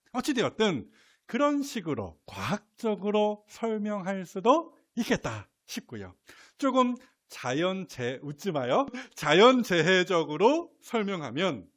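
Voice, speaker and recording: Male pastor, middle-aged, fairly high voice, animated delivery with acted-out shouts. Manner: lively, playful, acts out shouts. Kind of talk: sermon.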